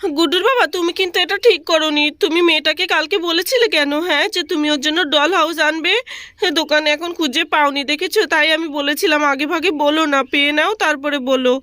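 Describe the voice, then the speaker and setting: A woman's voice: sits high, quick pace, bright, forceful tone, no echo, studio quality. Woman doing a coaxing doll mother. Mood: reproachful. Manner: coaxing and reproachful. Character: caring young mother, scolding husband.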